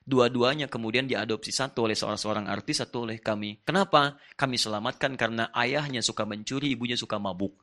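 Male preacher, quick, forceful delivery, storytelling sermon with repeated emphasis. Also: mid-range voice. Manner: emphatic, repeats key words for effect; lively anecdotes with acted dialogue. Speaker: Islamic preacher.

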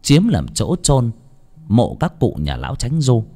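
A man narrating a story in an unhurried, dramatic way. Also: medium pitch, wildly swooping pitch, mellow. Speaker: audiobook narrator.

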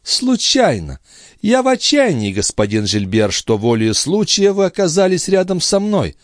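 A man's voice: high voice, big pitch swings, normal speed, no echo, clean studio sound, voice pushed up. A man reading an audiobook, voicing a proud young noblewoman with a cold, mocking manner. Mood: haughty.

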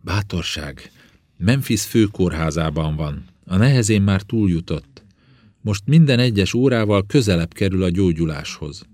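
A man reading the part of a young woman doctor, speaking softly and reassuringly. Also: sits low, lively intonation, dry recording. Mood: soothing. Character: young woman healer, gentle and devoted.

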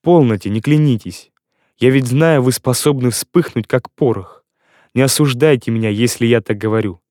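A man voicing a shy, earnest young woman in an audiobook, speaking in a gentle, measured way. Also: medium pitch, no room sound, clean studio sound, lightly acted. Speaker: audiobook reader. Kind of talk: audiobook character reading.

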